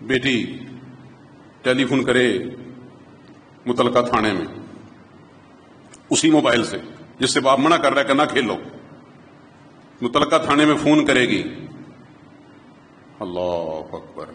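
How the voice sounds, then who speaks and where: Impassioned preacher in an echoey hall. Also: male voice, mid-range voice, long pauses, a bit bright. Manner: impassioned, rising to emphatic peaks. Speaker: Friday preacher. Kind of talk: Friday sermon. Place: mosque prayer hall. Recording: echoey mosque hall with long reverb.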